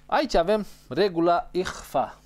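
A man's voice: sits high, lively intonation. A man teaching a lesson on recitation rules, explaining step by step, repeating key terms and sounding out letters as examples. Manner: models Arabic sounds mid-sentence.

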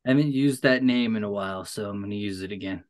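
A man's voice: lowish voice, fast talker. A man playing in a tabletop game, giving short, laid-back replies. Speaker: player. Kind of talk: casual chat during a tabletop game.

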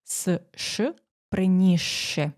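A woman teacher explaining exam phonetics, pronouncing sample words slowly and walking through each rule step by step. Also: lowish voice, darkish tone. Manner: dictating sounds slowly, explaining rules step by step. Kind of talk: exam prep lesson.

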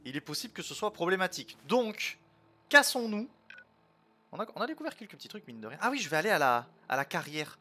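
A let's play streamer with a high, bright, pushed voice talks fast, his pitch swinging widely. He chats casually about the game, thinking aloud with lots of fillers and playful, jokey asides.

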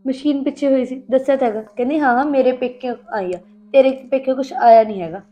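A woman's voice: high-pitched, quick pace, warm tone, lo-fi sound, faint music behind, natural voice. A woman playing an aggrieved young wife who complains about her sister-in-law. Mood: indignant. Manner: complaining, indignant. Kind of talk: Punjabi family sketch acting.

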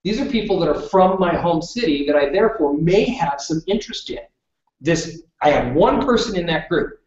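This British Columbia man runs a live classroom presentation, his slightly darkish, fairly high voice animated and at normal speed. He's conversational, frequently checking in with the audience by saying "okay?". The recording is dull, distant and roomy.

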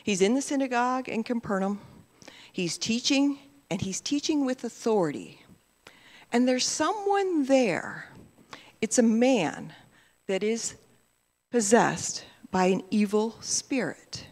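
A woman's voice: fairly high pitch, sing-song, slow pace, darkish tone. A woman leading a playful children's message in church, talking to the kids and asking them questions. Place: church sanctuary. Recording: reverberant church hall.

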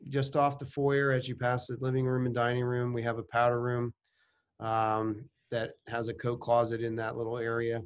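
A middle-aged man casually narrating a virtual house tour as a real estate agent, with many ums and restarts. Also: medium pitch.

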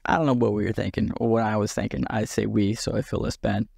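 A man teaching software in a casual screen-recorded lesson, chatty and self-deprecating, thinking aloud as he works. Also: on the low side, steady tone, fast talker, creaky, dry recording, studio quality. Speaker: software tutorial instructor.

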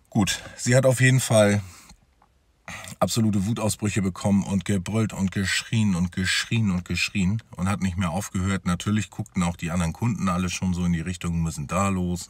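A man's voice: sits low, husky, dry recording. A man telling his own story as a father in a personal vlog, talking straight to his viewers in a conversational way.

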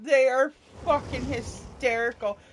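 A woman with a high voice recounting funny stories in a slow, drawn-out way while friends play a game. Faint background noise runs under her voice. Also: fairly even intonation. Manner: laughing, storytelling. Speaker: player in voice chat. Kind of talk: casual gaming chat.

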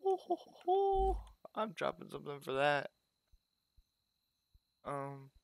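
A man's voice: fairly high pitch, vocal fry, husky, no room sound. A man casually commenting on his own gameplay, thinking aloud and talking to himself as he plays.

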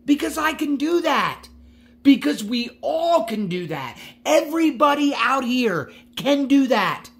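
Gushing, slow-talking man showing off toy cars. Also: vocal fry. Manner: excited, repeats phrases, gushing; pitch leaps up when thrilled. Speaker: diecast collector vlogger. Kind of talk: casual product showcase.

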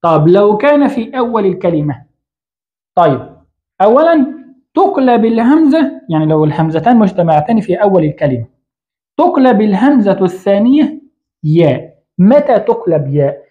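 A man's voice: high voice, big pitch swings, moderate pace, phone-quality sound. A man teaching Arabic grammar in an online lesson. He writes on a board as he explains, asks the learner a question, answers it himself, and often corrects his own slips.

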